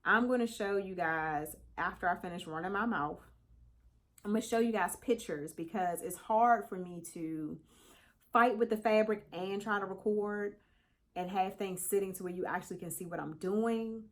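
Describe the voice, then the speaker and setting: A middle-aged woman vlogging casually to her viewers, chatty and animated, slightly congested, calling them y'all. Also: medium pitch, normal speed. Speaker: crochet vlogger. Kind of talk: casual chat to camera.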